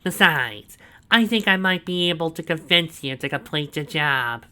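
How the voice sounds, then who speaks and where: For a fan-read story, a man voices a sneering, scheming villain, pushing his voice high and tight with gloating. He drags his words out slowly, savoring every threat, in a bright, sharp, clean and animated tone.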